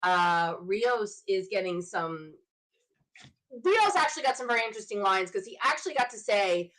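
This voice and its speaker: Woman, show host, casual solo commentary, chatty, speculative, thinking aloud, medium pitch. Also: animated, moderate pace, fairly bright tone, poor audio.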